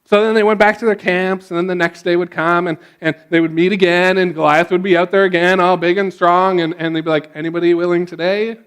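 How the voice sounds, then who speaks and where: A male pastor retelling a story in a casual sermon, with frequent restarts and a relaxed way of talking. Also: sits high, fairly quick, hardly any pauses, clear, resonant tone.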